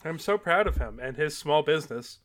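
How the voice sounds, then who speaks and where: A man's voice: fairly high pitch, lively intonation, a little fast, a bit bright. A man in casual chat dropping dry, sarcastic asides.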